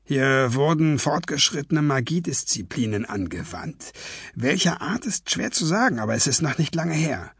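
A man voicing a calm, commanding male detective with a clipped, matter-of-fact delivery in a husky voice. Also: on the high side, normal speed, no echo, clean studio sound, exaggerated voice. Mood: low, calm.

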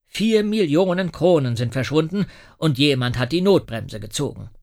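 A man voicing a self-important, bumbling police inspector who speaks slowly and gets flustered. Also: on the high side, expressive, gravelly, a little mellow. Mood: pompous. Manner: slow, pompous, flustered.

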